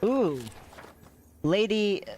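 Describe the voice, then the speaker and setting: A man's voice: sits high, expressive, drawn-out words, darkish tone, faint music behind. A man giving casual, sparse reactions as he plays a video game. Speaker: gameplay streamer.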